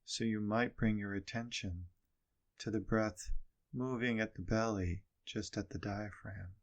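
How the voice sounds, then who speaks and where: A man teaching meditation, giving guided instruction in short, measured phrases with pauses. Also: fairly low pitch, fairly even intonation.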